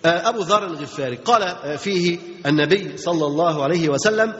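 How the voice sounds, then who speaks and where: An Egyptian-accented man teaches religion at a quick clip in a fairly high voice. He keeps asking his listeners questions and repeating phrases for emphasis. The recording is dull and lo-fi, with a long hall reverb. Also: fairly bright tone. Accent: Egyptian Arabic. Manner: asks the audience rhetorical questions and repeats key phrases. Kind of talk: Islamic religious lesson.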